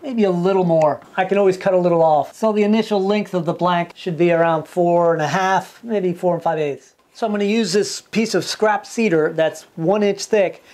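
A man's voice: sits high, moderate pace, hardly any pauses, darkish tone. A man in his fifties explaining a lure build step by step in a home workshop, thinking aloud as he goes. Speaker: lure maker demonstrating a build. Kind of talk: workshop tutorial.

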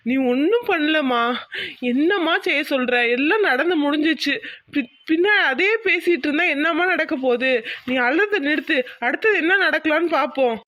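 Cartoon best-friend character voiced by a woman, urging and coaxing, with a high voice and a dry close sound. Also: animated, moderate pace, a bit bright, no echo. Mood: soothing. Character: young man, loyal friend, coaxing and scolding. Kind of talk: cartoon voice acting.

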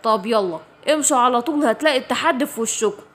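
A woman voicing a calm male superhero guide in an Egyptian Arabic children's story, explaining things in a patronizing way. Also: on the high side, fast, pitched below the performer's own voice, close to an everyday voice.

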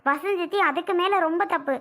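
A woman's voice: very high-pitched, fast, a bit bright. A girl playing a defiant young daughter in a family skit, arguing with her father in an indignant, insistent way.

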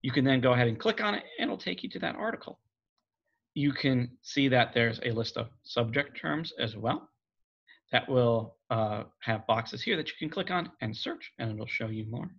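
A man's voice: mid-range voice, lively intonation, moderate pace, gravelly, a bit bright, muffled recording. A man, a college librarian, giving a casual step-by-step screen-recorded tutorial on finding and citing articles. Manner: casual, plain step-by-step explaining.

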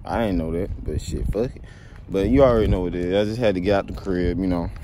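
Talking quickly in a deep, dark voice, a young man walks down a street on a sunny day and vlogs into a phone held low at arm's length. He has a slight cold, rambles in a relaxed manner, and repeats "you feel me" constantly. Passing traffic and other street noise sound behind him.

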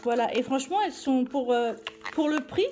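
A woman's voice: high voice, fairly quick, dark tone, soft background music. A woman doing a casual makeup review vlog, chatty and hesitant, with many fillers and restarts. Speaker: beauty vlogger.

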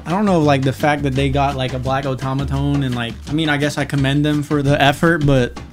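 A man's voice: medium pitch, steady tone, fairly quick. A young man giving casual, exaggerated and sarcastic reaction commentary as host, close on a studio microphone in a small room. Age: young adult. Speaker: host of a video reaction show. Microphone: close studio microphone on a boom arm. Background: music.

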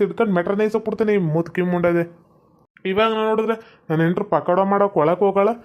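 A fed-up young husband played by a woman with a North Karnataka Kannada accent, snapping back quickly in an ordinary mid-pitched voice. He scolds with short, exasperated bursts, the way a man in a comic village family skit would. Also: lo-fi sound, natural voice.

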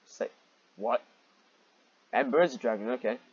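Slightly rough and medium in pitch, this man's voice comes through lo-fi sound as he reads a piece of fan fiction at a moderate pace. His tone is mocking and fed up, and he frequently stops to wander off into commentary.

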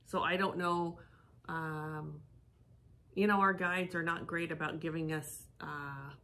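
A woman's voice: deep voice, steady tone, slow, sharp tone. A middle-aged woman giving casual commentary, thinking aloud and searching for her words. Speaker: psychic co-host of a reaction show. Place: living room with fireplace, indoors.

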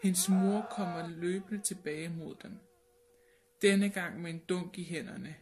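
A woman reading an audiobook in a measured, grave narration. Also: fairly low pitch, fairly even intonation, a little mellow, a little hiss or hum. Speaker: audiobook reader. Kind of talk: scripted narration. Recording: narration with music bed. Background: music.

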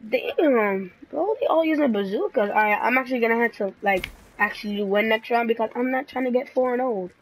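A young woman giving jumpy gameplay commentary, often dropping to hushed whispers and then bursting out with gasps. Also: fairly high pitch, a little fast, few pauses, poor audio. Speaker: gaming video creator.

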